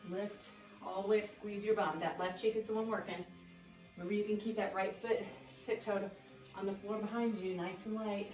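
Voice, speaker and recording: A woman's voice: mid-range voice, fairly even intonation, moderate pace, darkish tone. Woman coaching a workout in an echoey room. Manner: upbeat coaching cues and countdowns. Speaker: fitness instructor. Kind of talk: workout class instruction. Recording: echoey room, mic at a distance, faint music. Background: faint background music.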